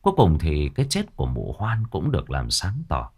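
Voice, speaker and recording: A man narrating a ghost story in a dramatic, expressive way. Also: rumbling low, moderate pace, husky.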